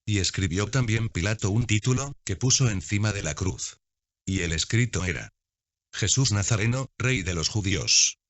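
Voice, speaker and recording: A low-pitched man reads scripture in a measured, unhurried narration. The recording is dry, with no room sound, and the sound is dull and lo-fi. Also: expressive, fairly bright tone, no room sound. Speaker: Bible reader.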